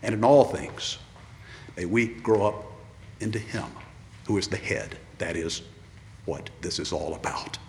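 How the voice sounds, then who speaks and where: A man's voice: low-pitched, a little slow, long pauses, slight background noise. Man, earnest sermon, repeated refrains, echoing church hall. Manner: earnest, repeats refrains, acts out quoted voices. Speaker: preacher at an ordination. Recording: long reverb of a large church.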